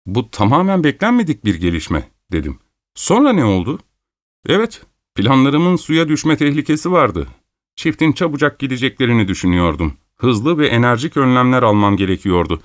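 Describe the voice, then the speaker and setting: A man narrating a classic detective story in the first person, in a measured storytelling manner. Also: medium pitch, no echo, studio quality. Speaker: audiobook narrator.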